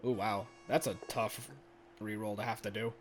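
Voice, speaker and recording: A man's voice: on the low side, normal speed, slight background noise. Chatty man commentating a game. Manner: chatty, excitable, laughs often. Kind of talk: casual play-by-play commentary. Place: home room.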